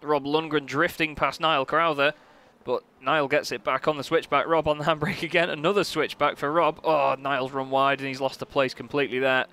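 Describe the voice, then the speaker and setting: A man giving live sim racing commentary as a motorsport commentator, casual, chatty and excitable. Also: fairly high pitch, normal speed, hardly any pauses, clean tone. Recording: noisy, car engine sound behind. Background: racing car engines.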